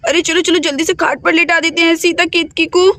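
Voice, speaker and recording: A caring elder sister, as a woman puts her on reassures and directs the others in a doll-play story. Her voice is very high and bright, close and dry. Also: little pitch movement, fairly quick, no room sound, exaggerated voice. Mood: reassuring. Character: young village elder sister, caring and in charge.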